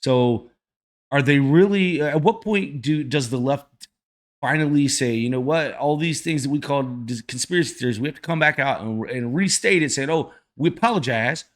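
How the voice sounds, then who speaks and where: Plain-spoken, folksy man, halting as he goes. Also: mid-range voice. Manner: folksy, plain-spoken, mildly salty language; halting, thinking aloud. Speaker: host of a reaction video. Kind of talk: casual political commentary.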